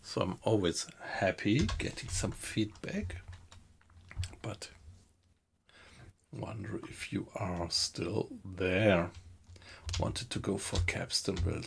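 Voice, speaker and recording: Slow, low-voiced man streaming. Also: gravelly, husky. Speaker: game streamer. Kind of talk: casual live-stream chat while playing. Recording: background noise with keyboard typing.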